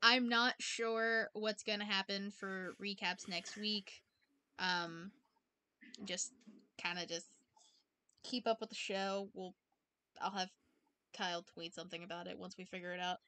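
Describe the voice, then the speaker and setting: A woman's voice: mid-range voice, steady tone, unhurried, long pauses, pushed and bright, no echo. A woman hosting a casual wrestling podcast, teasing and scolding her co-hosts in playful banter. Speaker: podcast host.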